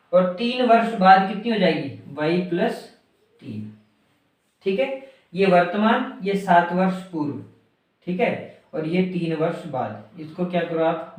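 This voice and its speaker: Guy teaching maths, asks and answers his own questions, pretty high voice, mic far off in a booming room. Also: heavy reverb. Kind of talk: classroom maths lesson.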